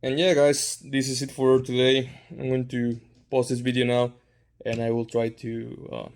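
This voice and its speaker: Male hobby vlog host, mid-pitched, monotone, informal chat to viewers. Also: moderate pace, gravelly. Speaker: hobbyist host of figure customizing videos.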